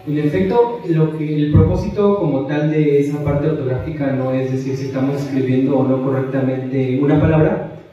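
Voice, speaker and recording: A man on a panel giving a brisk, precise clarification of a technical point. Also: fairly high pitch, fairly even intonation, mellow. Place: large auditorium. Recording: dull, echoey hall, far from the mic.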